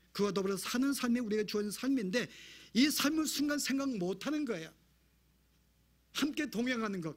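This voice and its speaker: A man pastor preaching a sermon in a church, asking the congregation rhetorical questions. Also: high voice. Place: church sanctuary.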